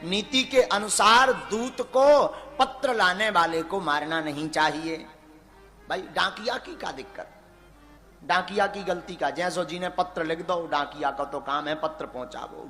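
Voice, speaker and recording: A man preaches, his high, bright voice leaping up and down as he dramatizes a devotional tale and breaks into chanted verse. It rings through a large echoing hall, with soft music playing underneath. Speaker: religious storyteller. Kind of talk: devotional sermon storytelling. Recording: echoey hall with music behind.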